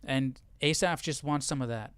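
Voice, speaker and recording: Here a man's mid-range, slightly bright and smooth voice comes through a dry recording at normal speed. He hosts a Bible study livestream, offering casual conversational commentary on scripture and checking in with rhetorical questions.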